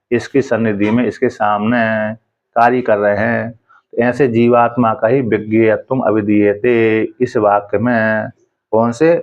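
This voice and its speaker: Guy teaching old sanskrit text, reads slow then explains chatty, medium voice, kinda dull lo-fi recording. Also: mid-range voice. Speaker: scripture teacher. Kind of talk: explaining a Sanskrit commentary line by line in Hindi.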